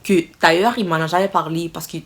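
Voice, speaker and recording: Young woman, slightly low voice, expressive, exclaiming storyteller, casual vlog chat. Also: brisk. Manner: expressive, exclaiming, dramatic retelling. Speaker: vlogger.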